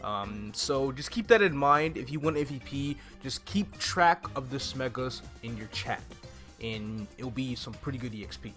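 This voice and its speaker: A gaming YouTuber in his twenties walks through a video game with laid-back, explanatory commentary, close to a desktop microphone on a stand while game music plays. His mid-range voice is expressive and a bit bright, at a normal speed.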